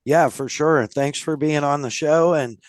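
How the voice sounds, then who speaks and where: A man's voice: fairly high pitch, unhurried, no echo, studio quality. A man hosting a casual podcast, friendly and loose, laughing often. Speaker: podcast host.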